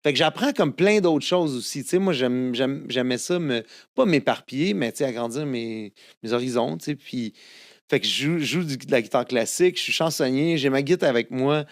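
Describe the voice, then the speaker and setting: Recorded with studio quality and no echo, this guest singer-songwriter speaks briskly in a mid-range voice. He's a man in his 50s whose first language is Italian and who has a Québécois French accent, telling stories in a relaxed interview full of fillers and restarts.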